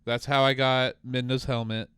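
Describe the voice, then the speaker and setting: A man co-hosting a casual gaming podcast chat, talking in an animated way, swearing freely and mock-quoting game developers. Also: mid-range voice, normal speed, clear, resonant tone, no echo. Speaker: podcast co-host.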